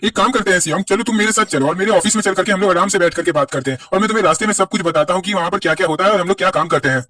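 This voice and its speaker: Calm, insistent young fighter, read by a man, quick and high, no big character voice. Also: no echo, far from the mic.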